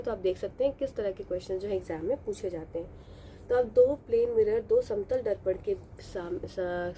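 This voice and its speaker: Woman teacher, dark mellow voice. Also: mid-range voice, a little hiss or hum. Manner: reads English questions slowly, explains in Hindi with rhetorical questions. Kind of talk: exam prep lesson, reading questions then explaining.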